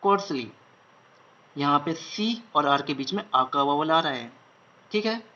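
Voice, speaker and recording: A man's voice: a little high, lively intonation, moderate pace, pushed and bright. A man teaching a shorthand lesson, repeating each word several times as he writes it out. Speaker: shorthand instructor. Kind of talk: online lesson. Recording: dull lo-fi recording.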